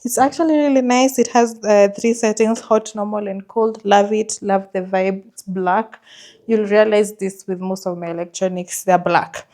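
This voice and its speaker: A woman's voice: mid-range voice, steady tone, moderate pace, darkish tone. A woman giving a casual, chatty house tour, enthusiastic about what she shows. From Kenya. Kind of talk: casual vlog chat.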